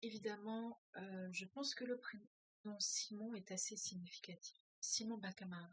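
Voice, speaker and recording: With a mid-range, fairly even, moderately paced and fairly bright voice, recorded with no echo, a French-as-a-foreign-language teacher reads from a novel. She stops to comment along the way, hesitating and thinking aloud with plenty of filler sounds.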